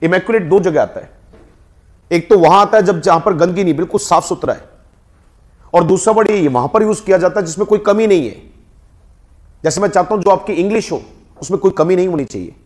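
A man with an Indian accent leads a spoken English class in a classroom. His voice sits slightly high, and he keeps prompting the students to repeat each word after him. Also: a little fast, pauses often. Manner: drills the class, prompting them to repeat words. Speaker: English teacher.

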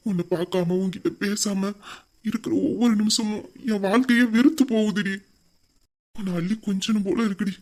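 High-voiced tender young husband voiced by a man. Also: close to an everyday voice. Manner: tender, soothing, affectionate. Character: loving young husband consoling his wife. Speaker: husband Veera. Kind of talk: emotional audio drama acting.

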